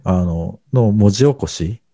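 A man's voice: fairly low pitch, slow pace, vocal fry, mellow, no room sound. A middle-aged man co-hosting a casual podcast, talking in a hesitant, rambling way full of fillers. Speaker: podcast co-host.

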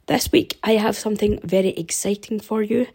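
Woman, Scottish, podcast introduction, croaky, hoarse and sick, mellow husky tone. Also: medium pitch, steady tone, moderate pace. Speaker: podcast host.

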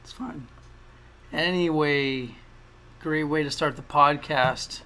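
A man's voice: fairly high pitch, bright, forceful tone. Teasing young man co-hosting a podcast. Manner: teasing, quick questions, playful. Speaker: podcast co-host. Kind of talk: casual chat.

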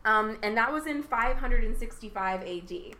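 A woman's voice: on the high side, animated, normal speed, sharp tone. A young adult woman co-hosting a podcast, chatting casually and rambling with many fillers and laughing asides. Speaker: podcast co-host. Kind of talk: casual chat. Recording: echoey room, faint noise.

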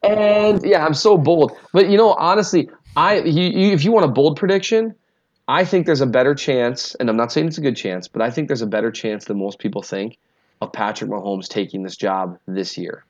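A man's voice: mid-range voice, moderate pace, lo-fi sound. A man from Minnesota with a Minnesotan accent, chatting casually as a podcast guest, talkative and self-deprecating. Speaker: guest analyst.

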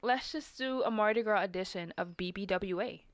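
A young woman, co-hosting a casual podcast and telling stories with animated, swooping delivery. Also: mid-range voice, normal speed, no room sound. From New Orleans. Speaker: podcast co-host.

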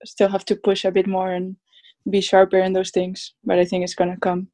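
Her mid-range voice is dark and monotone, moving briskly, as this professional footballer gives casual interview answers. She's from the Basque Country, Spain, and speaks English with a Basque Spanish accent.

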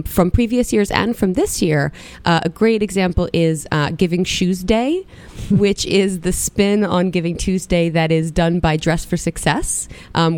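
A woman's voice: on the low side, darkish tone, clear, resonant tone, dry recording. A woman guest being interviewed in a studio, her voice scratchy from a recent illness, explaining at length with frequent fillers. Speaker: podcast guest.

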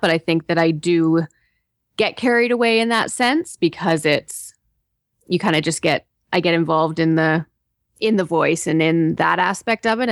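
A woman's voice: on the low side, dry recording. Young woman, from Canada, guest voice actor, hesitant, reflective, dry close sound. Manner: hesitant, self-reflective, laughs often.

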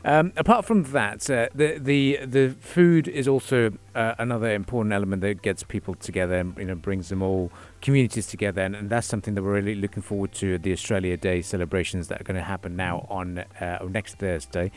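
A man hosting a conversational interview, phrasing his questions hesitantly with frequent pauses mid-sentence. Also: on the low side, steady tone. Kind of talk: conversational radio-style interview.

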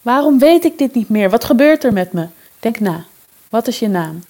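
A woman's voice: on the high side, big pitch swings, moderate pace, warm tone. A woman reading a frantic, pleading bug victim. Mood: desperate. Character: panicked person covered in biting bugs. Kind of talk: reading a novel aloud.

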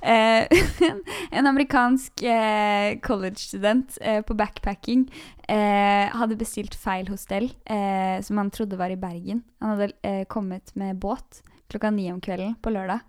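A young woman in a casual conversation about faith, talking in a chatty, lively way and laughing easily. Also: mid-range voice, hardly any pauses, clean tone.

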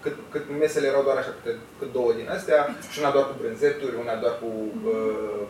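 A man's voice: mid-range voice, darkish tone. A man chatting casually on a podcast, enthusiastic and hesitant, with many fillers. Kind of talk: casual chat. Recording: roomy, distant from mic, faint noise.

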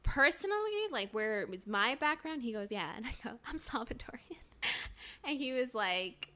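A woman podcast co-host telling a personal story in casual conversation, full of "like" fillers and quick laughs. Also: a little high, sing-song, sharp tone. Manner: chatty, many "like" fillers, laughs between phrases.

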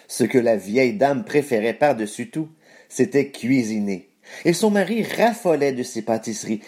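A man narrating a children's story in an expressive, scripted storytelling manner. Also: medium pitch. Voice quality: expressive, animated.

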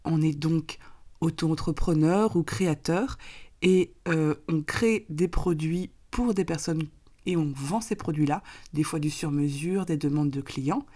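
Female advice vlogger, lowish and raspy, hoarse from recent illness, didactic step-by-step delivery. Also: a little slow, mellow. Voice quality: raspy, gravelly voice. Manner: didactic, step-by-step explaining with examples. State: getting over an illness, hoarse with occasional coughing. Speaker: minimalism coach and author, presenter. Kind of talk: advice vlog, explanatory talk.

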